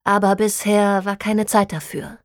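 A woman voicing a female detective agency owner who speaks in a polite, measured, businesslike way in a storybook reading. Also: mid-range voice, level tone, no echo, clean studio sound, close to an everyday voice.

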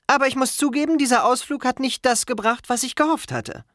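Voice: sits high, brisk, a bit bright, no echo, studio quality, voice pushed up. An audiobook reader voicing Annabeth, a confident teenage girl who leads the camp and speaks firmly and reassuringly. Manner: firm, reassuring, takes charge. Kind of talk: audiobook character voice.

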